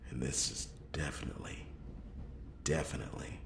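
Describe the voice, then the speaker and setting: A man playing a wry, brooding noir detective in a breathy, gravelly whispered role-play, muttering hesitantly as he thinks aloud to himself. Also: rumbling low, flat delivery, normal speed. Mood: puzzled, uneasy. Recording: roomy echo, clear background noise.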